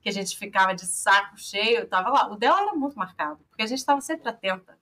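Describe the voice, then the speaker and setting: A woman's voice: mid-range voice, fast talker. A woman with a Brazilian Portuguese accent, a podcast guest telling workplace stories in casual chat with frequent laughter. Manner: animated storytelling with frequent laughter.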